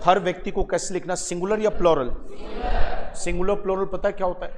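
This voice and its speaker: A man's voice: sits high, fairly quick, crowd noise. A man teaching English grammar to a live class, coaxing students and quizzing them by name. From Haryana, India. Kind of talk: classroom lesson. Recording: echoey classroom hall with steady background noise.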